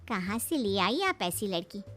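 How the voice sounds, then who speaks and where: Slow, drawn-out cartoon aunt, voiced by a woman. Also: medium pitch, big pitch swings, fairly bright tone, faint music behind. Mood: doubtful.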